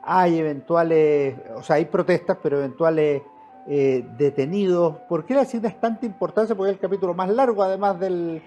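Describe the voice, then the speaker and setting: A man hosting a history podcast, asking questions in measured, formal phrasing. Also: a little high, dark tone, highs cut off, faint music behind. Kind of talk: interview questions.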